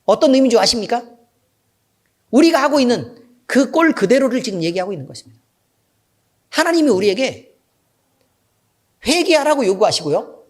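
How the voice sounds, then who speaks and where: A middle-aged man preaching a sermon as pastor, telling a story with asides to the congregation, swinging between loud emphatic bursts and low, quiet remarks. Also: big pitch swings, moderate pace, long pauses.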